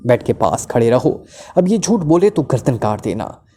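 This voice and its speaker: A woman's voice: very deep voice, very animated, normal speed, mellow, a little hiss or hum. A man voicing a snarling ruthless female agent. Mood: commanding. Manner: snarling, curt commands. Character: cold ruthless female secret agent interrogator.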